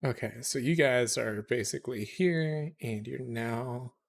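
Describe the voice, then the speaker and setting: Dude game-mastering a dnd session, regular voice, chill and rambly. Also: male voice, mid-range voice, measured pace, creaky. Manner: casual, rambling with restarts. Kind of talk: narrating a tabletop game.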